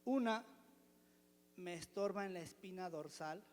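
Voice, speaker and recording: High-voiced preacher in a reverberant hall. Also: male voice, measured pace. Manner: emphatic, repeats a refrain, asks rhetorical questions. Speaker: member of the pastoral team. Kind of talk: personal testimony sermon. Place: church hall.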